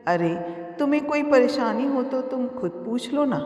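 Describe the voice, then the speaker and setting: A woman's voice: high-pitched, lively intonation, normal speed, darkish tone, faint music behind, voice pushed up. Woman voicing a dismissive young husband. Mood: offhand. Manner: offhand, brushing things aside. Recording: echoey room, far from mic.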